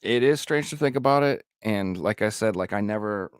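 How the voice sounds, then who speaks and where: A man's voice: fairly low pitch, moderate pace, clean tone, dry recording, studio quality. A man hosting a casual chat, talking in an informal, slangy way.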